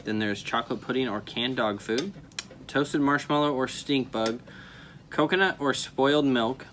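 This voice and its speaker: A man's voice: mid-range voice, normal speed, a bit bright. Young man talking casually, noisy home recording. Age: young adult. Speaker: vlog co-host. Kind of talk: casual chat, reading items aloud. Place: small room at home, at a dining table.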